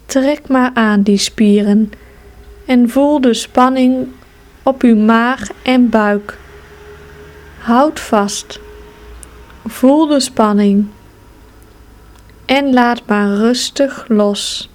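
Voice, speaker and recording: Calm woman talking you thru muscle relaxation, super slow, kinda high voice. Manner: slow, calm, soothing instructions with long pauses. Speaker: relaxation guide. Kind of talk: guided progressive muscle relaxation.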